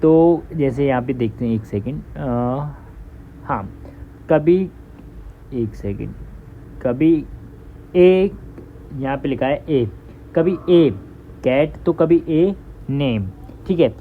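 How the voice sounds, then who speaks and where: A man's voice: a little high, slow, pauses often. A young man giving a casual, chatty online English lesson. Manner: chatty, loose, reassuring, calls listeners bhai. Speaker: English teacher. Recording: thin phone-like audio with faint hiss.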